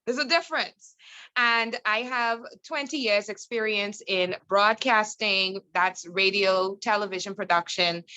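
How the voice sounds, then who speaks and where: A woman's voice: mid-range voice, bright, forceful tone, clear, resonant tone, rough recording. A woman introducing herself as an entertainer to an online audience, confident and assertive. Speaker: guest speaker, entertainer. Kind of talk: self-introduction.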